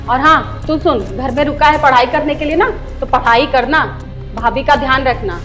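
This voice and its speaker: एक महिला द्वारा निभाई गई सख्त बुज़ुर्ग सास. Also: female voice, high-pitched, moderate pace, fairly bright tone, soft background music. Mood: instructing. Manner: stern, instructing. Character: mother-in-law, older woman, stern.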